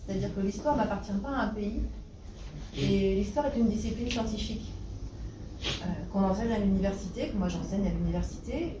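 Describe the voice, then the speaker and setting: A French woman historian and university lecturer, answering questions in a thoughtful, hesitant way. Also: medium pitch. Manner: thoughtful, many hesitations and restarts. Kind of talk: conversational talk answering questions. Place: meeting room. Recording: roomy echo from a distance, noisy room.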